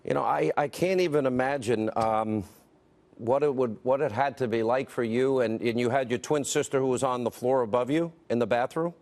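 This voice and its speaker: A middle-aged man hosting a TV news interview, asking questions in a halting, sympathetic way. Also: medium pitch, a little mellow. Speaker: TV news host. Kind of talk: broadcast interview.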